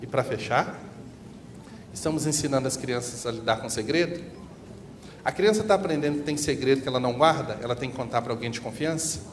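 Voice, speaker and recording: Animated man preaching in a reverberant hall. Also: medium pitch, fairly quick. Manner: animated, preaching, with acted examples. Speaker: seminar speaker. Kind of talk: church seminar talk. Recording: reverberant hall, faint noise.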